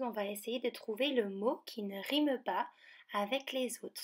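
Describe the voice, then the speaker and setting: Slow, careful French schoolteacher woman. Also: fairly high pitch. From France. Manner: slow, careful, stretching out each word. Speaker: primary school teacher. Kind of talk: remote lesson for young children.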